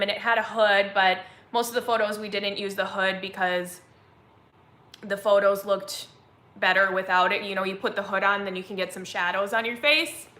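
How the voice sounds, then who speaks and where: A woman's voice: mid-range voice, sharp tone. A woman in her twenties hosting a casual live chat, rambling and chatty with lots of "like" fillers, at home. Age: 20s. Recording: echoey room.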